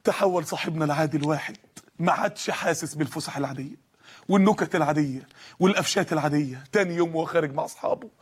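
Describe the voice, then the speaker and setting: A man's voice: fairly high pitch, very fast, slightly rough. A man with an Egyptian accent preaching an impassioned sermon, appealing to his listeners with repeated questions and a voice often close to tears. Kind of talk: emotional storytelling sermon.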